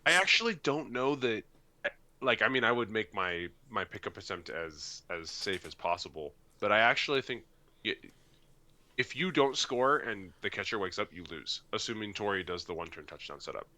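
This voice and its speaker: A man's voice: on the low side, lively intonation, normal speed, sharp tone. A man giving casual analytical commentary on a tournament game, talking through strategy in a thoughtful, hedging way.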